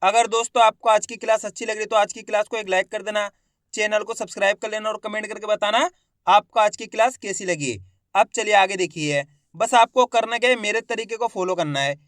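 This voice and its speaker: A man's voice: sits high, fairly quick, fairly bright tone, no echo, studio quality. A man teaching reading: he sounds out each syllable, then blends them into whole words, and encourages viewers as friends. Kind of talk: slow spelled-out reading lesson.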